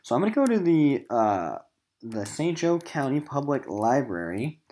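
A mid-pitched man gives a recorded literature lesson to middle schoolers as a voice-over on slides. Warm-toned, with big pitch swings and a moderate pace, he speaks informally and directly to the students, explaining what he expects.

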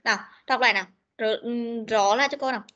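A young woman teaching an online pronunciation drill over a video call, correcting and repeating words slowly and patiently. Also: on the high side, a bit bright, lo-fi sound. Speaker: English teacher.

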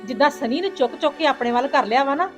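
A woman's voice: high voice, very fast, faint music behind, lightly acted. A woman playing a spiteful, gossiping mother-in-law, in a family web drama. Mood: sneering. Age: middle-aged. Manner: sneering, complaining.

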